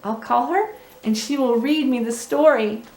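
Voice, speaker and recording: Reading a story aloud to young children, this storytime host speaks in a slightly mellow, rather high voice at a normal speed. She reads with animation and breaks off for teacherly questions and asides to her listeners, while music plays beneath a roomy echo.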